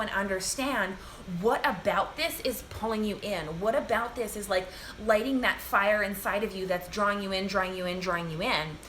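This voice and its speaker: A woman giving a live spiritual reading from home, talking gently and repeating herself, with many fillers and restarts. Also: medium pitch, a little hiss or hum. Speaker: spiritual reader.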